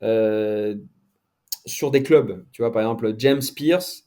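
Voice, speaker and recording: A man's voice: fairly low pitch, takes it slowly, warm tone. A middle-aged man, a sports journalist guest, chatting casually in an interview with many fillers and restarts.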